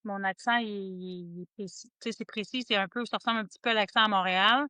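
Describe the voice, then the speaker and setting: Woman with a Quebec accent, smooth voice. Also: mid-range voice, fairly even intonation, quick pace, no echo. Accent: Quebec French. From Quebec, Estrie region. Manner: chatty, many restarts, drops to quiet asides. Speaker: podcast co-host. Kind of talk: casual conversation.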